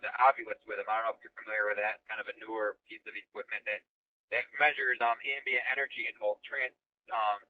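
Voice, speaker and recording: A man's voice comes through a narrow, metallic phone line that sounds like it is inside a tin can. He talks casually as a radio guest and keeps pausing on ums and restarting his sentences. His pitch sits in an ordinary middle range for a man. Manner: hesitant, full of ums and restarts. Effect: tinny metallic phone-line sound.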